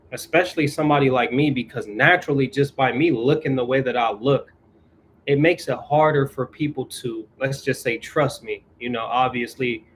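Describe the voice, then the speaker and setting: A young man talks in a relaxed, conversational way, answering his viewers and circling back to repeat his main points. His voice sits in an ordinary middle register. A faint hiss runs behind him. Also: medium pitch, rough recording. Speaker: YouTube host answering viewers. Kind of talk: casual advice chat.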